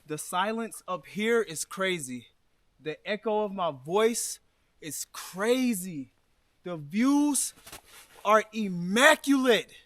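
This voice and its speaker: A man's voice: sits high, animated, slow, a bit bright, no room sound. Emotional man on a mountain hike. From Alabama. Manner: emotional, thankful, talks to viewers as y'all. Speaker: outdoor vlogger. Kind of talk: solo hiking vlog. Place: outdoors in snowy mountains.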